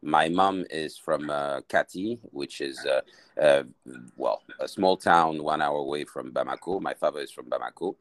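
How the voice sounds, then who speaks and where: Very deep-voiced hesitant man. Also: moderate pace, no echo. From Mali. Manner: hesitant, many restarts and fillers. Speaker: guest entrepreneur. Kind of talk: interview answers.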